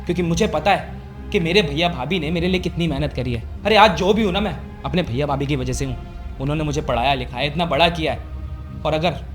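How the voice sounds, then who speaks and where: A man's voice: fairly high pitch, brisk, faint music behind, natural voice. A man playing a young husband loyal to his elder brother who lectures his wife in a scripted family drama. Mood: lecturing. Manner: lecturing, stern.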